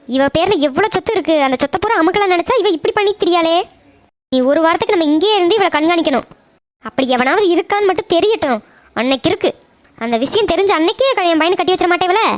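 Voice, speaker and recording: A woman voicing a scheming cartoon aunt. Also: extremely high pitch. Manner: muttering plots to herself. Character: scheming middle-aged aunt, greedy and sly. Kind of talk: cartoon voice acting.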